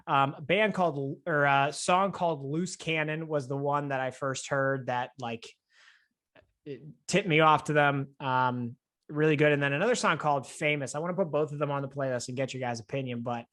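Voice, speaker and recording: A man's voice: on the high side, fairly even intonation, moderate pace, a bit bright. A man from the Pittsburgh area co-hosting a casual podcast over a remote call, upbeat and enthusiastic, laughing easily. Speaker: podcast co-host.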